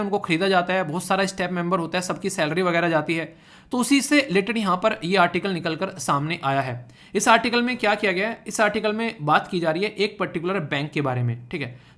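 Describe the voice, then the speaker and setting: A man's voice: high voice, fairly bright tone. A man teaching an online exam-prep lecture in a chatty, teasing way, dropping English terms into Hindi and often checking in with his students. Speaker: current affairs teacher.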